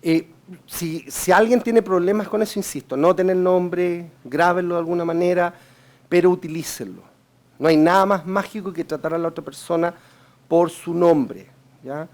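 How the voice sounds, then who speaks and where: A man's voice: high voice, moderate pace, a little mellow. A man with a Chilean accent giving a sales training lecture. He coaches the audience directly and keeps checking in with them by asking "right?". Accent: Chilean Spanish. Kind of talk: seminar lecture.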